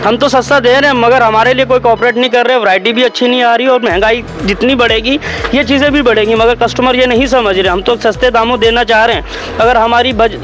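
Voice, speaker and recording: Male shopkeeper, 30s, high-pitched, eager sales patter, market shop with background music. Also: steady tone, fast talker, a bit bright, poor audio. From Pakistan. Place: crowded clothing market shop, indoors.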